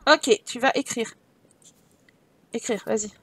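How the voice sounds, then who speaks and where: High-voiced woman narrating a life-sim game. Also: slow pace, fairly bright tone, slightly rough, no room sound. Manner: chatty, joking, thinks aloud with fillers. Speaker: gaming channel host. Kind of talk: casual gameplay commentary.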